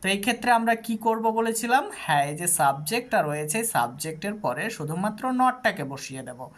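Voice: mid-range voice, very animated, a bit bright. Patient tutor explaining step by step. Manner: patient, step-by-step explaining, repeats example sentences slowly. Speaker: English teacher. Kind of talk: scripted tutorial narration.

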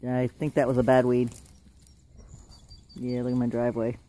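A man's voice: medium pitch, completely flat delivery, normal speed, warm tone. A man at home chatting to the camera and cooing at his pet goose, teasing and laughing as he goes. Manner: chatty, teasing, laughs often, coos at the bird. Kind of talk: casual chat to camera and pet. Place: at home, outdoors by the driveway.

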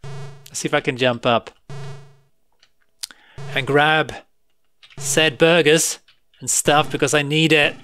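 A man's voice: fairly high pitch, steady tone, slow, long pauses, bright, forceful tone, soft background music. A man giving live commentary while playing a retro game, grumbling sarcastically and laughing at his own frustration. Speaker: retro gaming video host.

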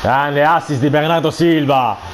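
A man giving excited football video game commentary, explosive and foul-mouthed, cursing between shouted player names. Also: on the high side, a little slow, noisy background.

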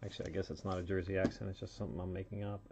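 Gravelly-voiced man calling out card pulls. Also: sits low, little pitch movement, rapid-fire, darkish tone. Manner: upbeat, rattles off player names and serial numbers. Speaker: card break host. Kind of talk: casual live commentary opening card packs.

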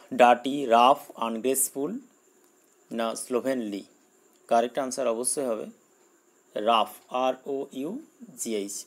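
Man, exam-prep teacher, slow careful reading, then quick explanations. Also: mid-range voice, rough recording. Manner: reads English questions slowly, explains in Bengali. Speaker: English teacher. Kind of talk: exam-prep grammar lesson.

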